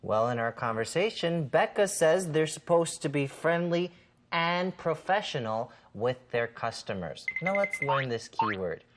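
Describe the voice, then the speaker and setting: A woman co-hosting an English lesson show explains things simply from a script, enunciating carefully and emphatically. Her low voice is very animated and unhurried, with a little hiss or hum in the audio.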